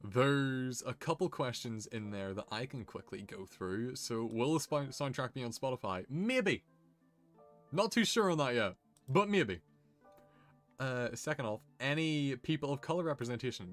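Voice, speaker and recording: A man's voice: mid-range voice, lively intonation, normal speed, a bit bright, soft background music. A man, the show's creator, hosting a casual question-and-answer chat in an upbeat way, laughing easily. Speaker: show creator and host.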